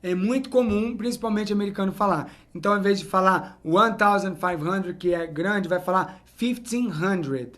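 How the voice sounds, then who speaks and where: Guy with a high voice teaching at the board, keeps saying "então" and "ó". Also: fairly even intonation, moderate pace, hardly any pauses, fairly bright tone. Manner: explains step by step, repeating "então" and "ó". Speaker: English teacher. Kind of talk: whiteboard lesson.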